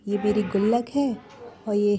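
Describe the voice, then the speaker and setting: A woman's voice: medium pitch, unhurried, noisy background. A young woman narrating her family's festival day in a chatty, affectionate way, laughing now and then. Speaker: vlogger. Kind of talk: casual festival vlog narration.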